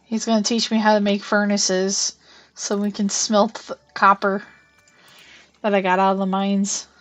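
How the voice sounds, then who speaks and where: Speaking unhurriedly at a medium pitch with little rise or fall, this young woman chats through her farming game stream. Faint music plays behind her as she describes each move and hums along casually.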